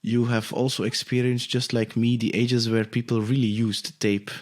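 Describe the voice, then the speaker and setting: A man from Europe hosting a podcast interview in a casual, halting way with frequent restarts. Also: medium pitch, flat delivery, a little mellow. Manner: halting, restarts and hesitant phrasing. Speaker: podcast host.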